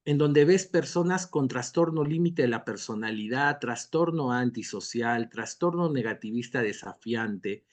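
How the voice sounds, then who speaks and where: A man, a doctor and guest expert, giving calm, lecturing answers in an interview and acting out short dialogues as examples. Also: mid-range voice, measured pace, few pauses.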